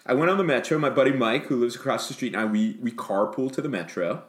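A middle-aged man co-hosting a podcast in casual chat, animated and self-mocking, cursing when he rants. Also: mid-range voice, fast, echoey room. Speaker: podcast co-host.

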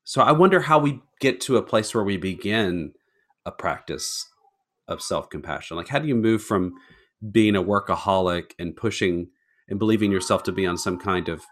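Man, lower voice, earnest podcast co-host who trails off at phrase ends. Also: normal speed, a bit bright. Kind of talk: casual discussion.

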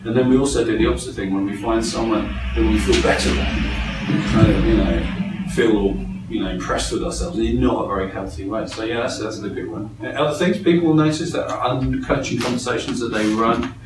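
A man leading a live coaching training for a group, lively and engaging, often acting out voices. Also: on the low side, fairly quick, music in the background. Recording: echoey room from a distance.

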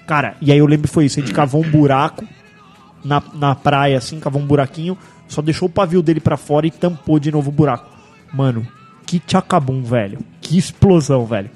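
A man's voice: on the high side, a little fast, a little mellow, breathy edge, faint music behind. Slangy man telling stories. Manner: slangy storytelling with sound effects. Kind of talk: casual chat. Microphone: studio microphone with headphones.

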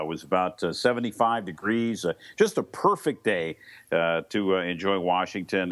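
A man's voice: sits low, a bit bright. A man co-hosting a talk radio show in a casual, rambling conversational way.

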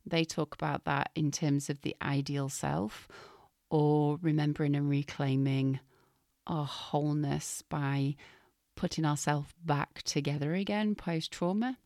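A woman hosting a spiritual podcast, talking gently and softly with her voice still recovering, sometimes dropping to a whisper. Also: low-pitched, fairly even intonation, dry recording, clean studio sound. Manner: soft, slow and gentle, drifting into whispers. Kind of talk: casual spiritual podcast talk.

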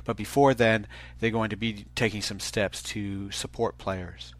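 A man hosting an interview show, leading into his questions in a halting, rambling way. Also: on the low side, steady tone. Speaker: show host.

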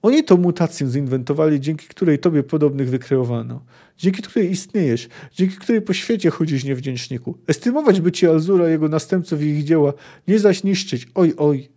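A man's voice: fairly high pitch, a little fast, dark tone. A man voicing a pompous, indignant old male wizard who rants in archaic phrasing. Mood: indignant ranting. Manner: archaic, ranting speech.

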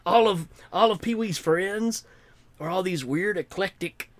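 A middle-aged man chatting casually as a podcast co-host, animated and quick to laugh. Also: high-pitched, no room sound. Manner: animated, laughing, shouts out quoted lines. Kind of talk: casual chat.

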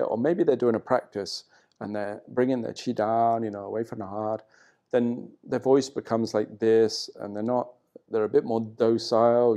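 A man's voice: mid-range voice, dark tone. A man giving a casual, conversational qigong lesson from a hotel room, talking loosely with plenty of "you know". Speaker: qigong teacher. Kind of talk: casual spoken teaching.

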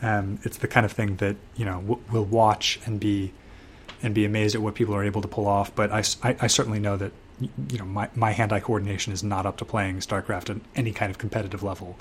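A man's voice: on the low side, flat delivery, fast, a little hiss or hum. A man co-hosting a casual gaming talk show, speaking hesitantly with frequent restarts and fillers. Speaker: podcast co-host. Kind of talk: casual chat.

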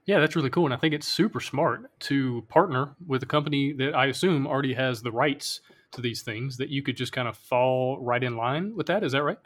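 A man's voice: medium pitch, normal speed, few pauses. A man hosting an interview, asking friendly questions in a casual style.

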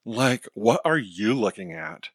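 A man's voice: fairly low pitch, big pitch swings, slow, husky, no echo, clean studio sound, full character voice. A man voicing a brash superhero woman in a storybook reading, talking in sassy valley-girl slang.

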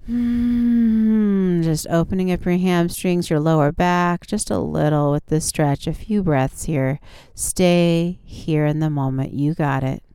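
Female yoga teacher, encouraging step-by-step instruction, exceptionally clear tone, close dry sound. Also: on the low side, takes it slowly, warm tone, no room sound. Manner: encouraging, short step-by-step cues. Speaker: yoga instructor and show host. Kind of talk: guided yoga class instruction.

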